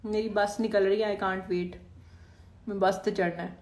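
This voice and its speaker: Woman team leader on a live stream, lively and bossy-in-fun, mid-pitched voice in a reverberant room. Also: a little slow. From Pakistan, Lahore. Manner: expressive, teasing and playfully scolding, mixing English in. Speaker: business team manager hosting a live stream. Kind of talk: casual live-stream talk, reading comments.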